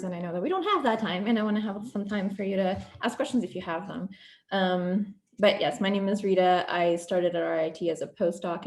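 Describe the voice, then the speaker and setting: A woman's voice: mid-range voice, darkish tone, echoey room. A woman from Portugal, a non-native English speaker, giving a guest presentation over a video call, fluent but with frequent ums and restarts. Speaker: guest speaker, program coordinator.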